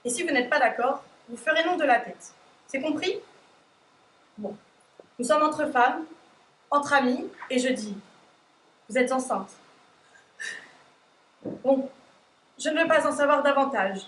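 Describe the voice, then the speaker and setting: A woman's voice: sits high, measured pace, pauses often, slight background noise. A teenage girl acting in a school stage play as a caring, motherly woman in charge, recorded from far off in an echoey hall. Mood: gentle. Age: teens. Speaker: high school stage actor.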